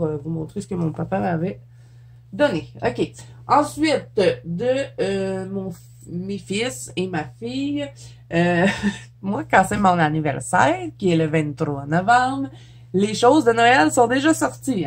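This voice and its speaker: A woman's voice: medium pitch, animated, unhurried, breathy edge. Chatty Quebec French woman, laughing often. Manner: chatty, laughs often, trips over words. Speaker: YouTuber. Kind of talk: casual show-and-tell vlog.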